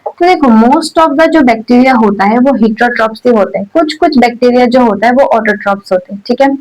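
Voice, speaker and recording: A woman teacher giving a botany lecture, speaking softly into a new mic and checking in with "theek hai" and rhetorical questions. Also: on the high side, moderate pace, rough recording. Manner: says "theek hai" and "dekho" constantly, asks rhetorical questions; speaks softly and holds back her volume. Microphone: newly bought mic.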